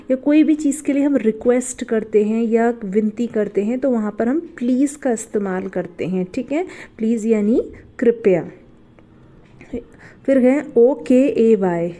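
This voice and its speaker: A woman teaching a beginner English class, spelling each word and asking her listeners back before giving the answer again. Her voice sits a little high but sounds soft and mellow. She explains one step at a time and repeats herself patiently. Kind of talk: step-by-step spelling and pronunciation lesson.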